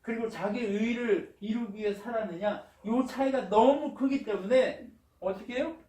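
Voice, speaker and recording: A man's voice: sits high, moderate pace, dark tone. A male pastor preaching a sermon in a storytelling way, acting out the quotes and asking rhetorical questions, in a church sanctuary. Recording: roomy echo, mic far off.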